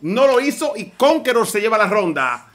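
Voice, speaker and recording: High, bright-voiced excited esports caster. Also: male voice, moderate pace. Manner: energetic, urgent, addresses viewers as "señores". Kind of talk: live play-by-play fighting game commentary.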